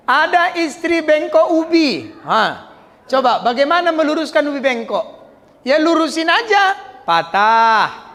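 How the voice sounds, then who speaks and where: A man's voice: extremely high pitch, a little slow. A male preacher with a Medan accent giving a humorous sermon in a mosque, joking and acting out little scenes. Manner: joking, animated storytelling, acts out characters. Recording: long hall reverb.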